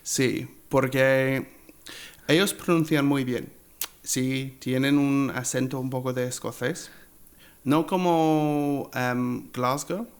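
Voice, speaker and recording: Slow gravelly Englishman, native English. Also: medium pitch, steady tone. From England. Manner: halting, slips English words into his Spanish. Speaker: guest. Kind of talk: casual interview chat.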